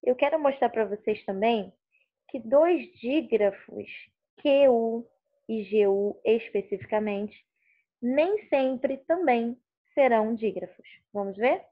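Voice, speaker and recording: A woman teacher from Rio de Janeiro state with a carioca accent, patiently explaining a lesson and repeating words slowly to stress their sounds. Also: on the high side, lively intonation, dull audio. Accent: Rio de Janeiro Portuguese. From Rio de Janeiro state, Brazil. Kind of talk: recorded online class.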